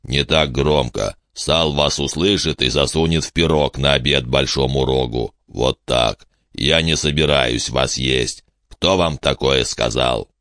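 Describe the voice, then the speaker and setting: A huge, good-natured giant drawls slowly and plainly, as a man reads him. His voice is extremely deep, and the recording is dry and close. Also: a bit bright, dry recording. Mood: hushed. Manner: slow, plain and aggrieved.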